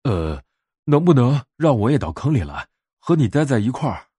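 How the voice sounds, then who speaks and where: A man's voice: mid-range voice, big pitch swings, moderate pace, warm tone, breathy edge, no room sound, clean studio sound. A man voicing a gullible storybook tiger. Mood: grateful. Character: gullible, easily frightened male tiger. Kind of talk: bedtime story reading.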